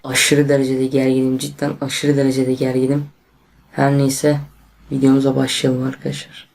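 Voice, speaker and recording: A young man vlogging casually to camera, tense and excitable, talking to his viewers as friends. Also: medium pitch. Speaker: YouTuber.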